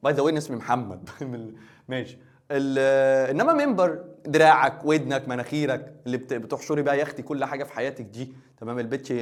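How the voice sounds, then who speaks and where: Fast-talking joking Egyptian teacher, man. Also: mid-range voice. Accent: Egyptian Arabic. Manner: quick, joking, asks the student questions. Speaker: English teacher. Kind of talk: playful exam-review lesson.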